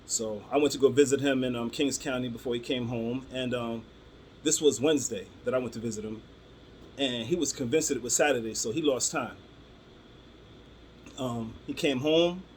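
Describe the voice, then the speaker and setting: A man in his forties tells stories to camera in a loose, conversational way. He rambles, restarts and fills pauses with "um". His voice sits in an ordinary middle pitch, with a faint hiss behind it. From Brooklyn, New York. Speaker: vlogger telling personal stories. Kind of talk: casual storytelling to camera.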